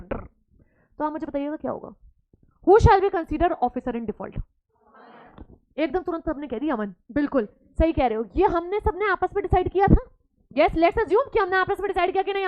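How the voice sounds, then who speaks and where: A woman's voice: high voice, no echo, lo-fi sound. A woman teacher giving a classroom lecture, switching between Hindi and English and teasing her students.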